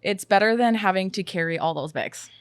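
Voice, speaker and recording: A woman's voice: mid-range voice, a little fast, smooth, no echo. A woman in her twenties co-hosting a podcast in a casual, upbeat chat, laughing often. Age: 20s. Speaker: podcast co-host.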